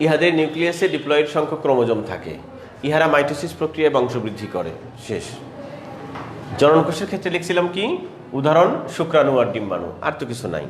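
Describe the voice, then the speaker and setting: A man teaching an exam-prep lecture, asking questions and answering them himself and repeating key terms slowly. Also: mid-range voice, a little hiss or hum. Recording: echoey room with faint ambience.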